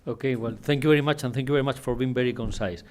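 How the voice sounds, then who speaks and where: A man moderating a legal panel, speaking haltingly with many fillers and trailing off. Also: mid-range voice, fairly even intonation, darkish tone, slight background noise.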